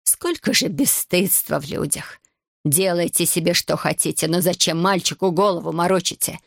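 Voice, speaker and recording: A bitter, reproachful mother who scolds in sharp, cold words, as an audiobook narrator puts her on. Her voice sits close to the reader's own and sounds dry and near. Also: mid-range voice, normal speed, gravelly, no echo.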